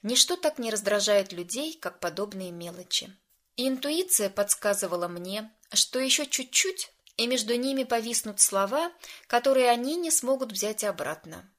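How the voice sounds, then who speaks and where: A woman reading a first-person audiobook story in an even, storytelling manner. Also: a little high, normal speed. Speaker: narrator.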